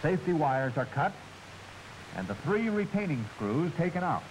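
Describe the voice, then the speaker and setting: In the manner of a 1940s military training film, an American man reads scripted instructional narration at a moderate pace. His fairly high voice has lively intonation and is formal and crisply enunciated, with faint hiss on the old soundtrack.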